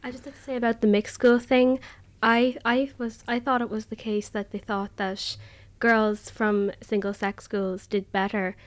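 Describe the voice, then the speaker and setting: A woman's voice: fairly high pitch, little pitch movement, normal speed, dry recording. Irish student girl, 19, chatty, lots of "like", dry close sound. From Ireland. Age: teens. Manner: chatty, uses "like" often. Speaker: roundtable guest, student. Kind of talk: casual discussion.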